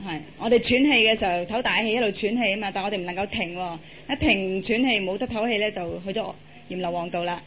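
An interpreter at a dharma talk, briskly relaying each phrase in a plain, steady way. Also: mid-range voice. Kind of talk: live consecutive interpretation of a talk. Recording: dull lo-fi recording with faint noise.

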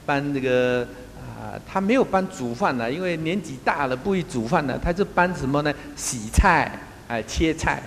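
A man gives a Buddhist Dharma talk as a monastic teacher, telling funny anecdotes with lots of chuckles. His voice sits high and swings widely up and down. The sound rings out in a reverberant hall with a faint hum underneath. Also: normal speed, gravelly, hardly any pauses. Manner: animated storytelling, chuckles often.

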